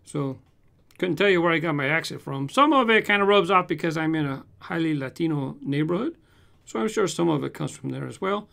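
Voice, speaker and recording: Fairly high-pitched and gravelly, this man talks fairly quickly while replying to viewer comments on his toy car collector channel. In his fifties and from Southern California, he's casual and animated, gesturing and showing toy cars. He's in a home room shelved with toy cars, facing a large desk condenser mic.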